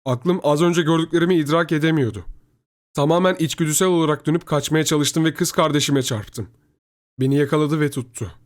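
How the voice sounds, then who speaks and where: A man reading a first-person horror story aloud in a hushed, grave manner. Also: fairly high pitch, brisk. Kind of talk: scripted horror narration.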